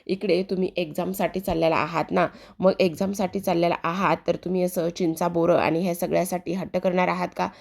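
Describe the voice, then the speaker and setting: A woman voicing a young husband who scolds his wife fondly, in a low, gravelly voice. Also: flat delivery, fairly quick, darkish tone. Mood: indulgent. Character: fond, gently mocking young husband.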